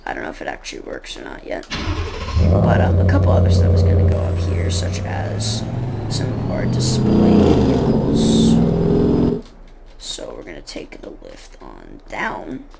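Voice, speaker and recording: Rambling, gravelly role-play narrator with a wildly swinging pitch. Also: wildly swooping pitch, measured pace. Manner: rambling, often restarting and correcting themselves. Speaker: role-play narrator running a car shop. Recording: noisy recording.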